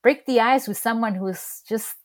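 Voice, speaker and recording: She speaks at an ordinary pace in a slightly high voice. A native Spanish speaker from Chile with a strong local accent, she is interviewed in a casual conversation and tells stories chattily, with laughs and restarted phrases.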